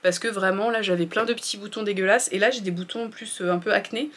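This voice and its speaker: A woman's voice: medium pitch, fast, a little hiss or hum. A woman, chatting casually through her skincare routine in a candid, rambling way with lots of fillers. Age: 30s. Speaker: beauty vlogger.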